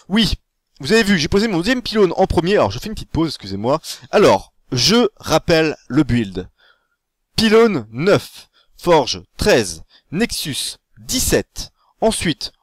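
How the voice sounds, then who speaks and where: A man talks through a gaming tutorial in casual, excitable commentary, full of fillers and quick self-corrections. His voice sits high and swings widely in pitch. The sound is close and dry, with no room around it. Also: no room sound.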